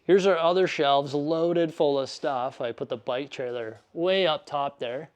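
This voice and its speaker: A man's voice: on the high side, measured pace. A man chatting casually and upbeat in a vlog as he tidies his garage and studio, rambling through asides. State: out of breath. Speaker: vlogger.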